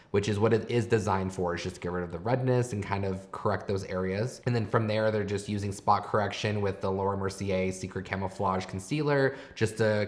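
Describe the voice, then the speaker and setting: A man giving explanatory makeup commentary as a host, advising in a conversational tutorial style. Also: on the low side.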